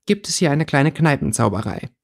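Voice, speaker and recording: A man reading an audiobook, voicing a bold, sharp-tongued schoolgirl who speaks quietly and hissingly. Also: a little high, big pitch swings, a little fast, vocal fry, dry recording, clean studio sound, full character voice.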